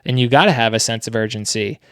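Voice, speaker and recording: A man's voice: medium pitch, fast talker, a bit bright, clean tone, dry recording, studio quality. A man co-hosting a casual business podcast, speaking in an earnest, motivational way. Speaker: podcast co-host.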